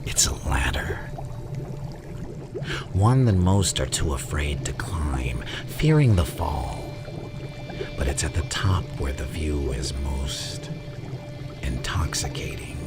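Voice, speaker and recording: A man playing a theatrical, manipulative madman supervillain in an ASMR roleplay, speaking in a gravelly, breathy half-whisper and savouring each phrase. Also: rumbling low, lively intonation, slow pace, long pauses, loud music behind the voice, full character voice. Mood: seductive menace. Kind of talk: ASMR villain roleplay monologue.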